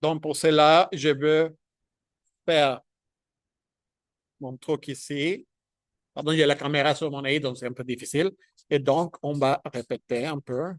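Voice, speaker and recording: Guy teaching marker shading, slow and halting, keeps saying ok?, dry close sound. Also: fairly high pitch, steady tone, no echo. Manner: halting, thinks aloud while demonstrating; checks in with "ok?" often. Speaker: drawing instructor. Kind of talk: hands-on drawing tutorial.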